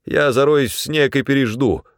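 A man's voice: normal speed, no echo, clean studio sound, close to an everyday voice. A man voicing an irritable, panicking male supply clerk who whines and complains. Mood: desperate. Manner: whiny, shrill, complaining.

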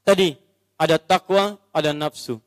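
A male Islamic preacher giving a sermon in lively, animated storytelling that acts out the characters. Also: fairly high pitch, moderate pace, dry recording, in a large hall.

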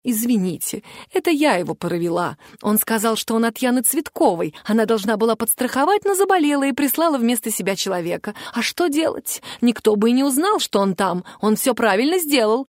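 A woman voicing a flustered theatre staff woman defending herself in a raised, high voice. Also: very animated, a little fast, hardly any pauses, no room sound, clean studio sound. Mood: defensive.

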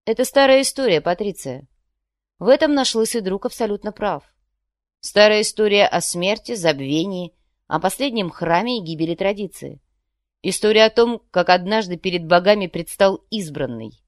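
A woman's voice: medium pitch, lively intonation, normal speed, no echo, studio quality, lightly acted. A woman reading the part of a mocking, scheming bald man in an audiobook, with a sneering, needling delivery. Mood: grave. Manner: sneering, then softly fatherly.

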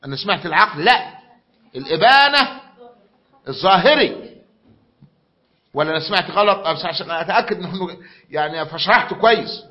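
High-voiced Egyptian man lecturing a class. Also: expressive, fairly quick, long pauses. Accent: Egyptian Arabic. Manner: repeats himself and quizzes the class. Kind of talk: classroom lecture with questions to students. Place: lecture room. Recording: dull lo-fi recording.

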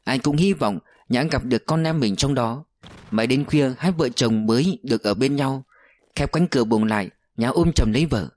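A man narrating a novel as an audiobook, with steady storytelling delivery. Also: mid-range voice, moderate pace.

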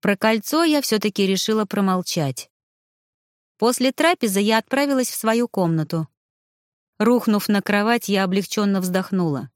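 A woman's voice: mid-range voice, moderate pace, no echo. Woman narrating a story, dry sound. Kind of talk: audiobook narration.

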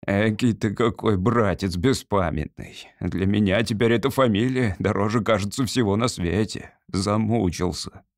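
A male reader voicing a short-tempered old general in an audiobook, slow and groaning. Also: on the low side, dry recording, clean studio sound, close to an everyday voice. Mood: weary pleading.

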